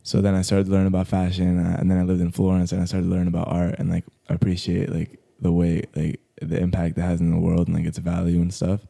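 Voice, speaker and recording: This young guest photographer, originally from Colombia and raised in South Florida, has a deep, gravelly, warm voice. He talks fast with a completely flat delivery and few pauses. Relaxed in the podcast studio, he peppers his casual interview talk with slang and plenty of "like."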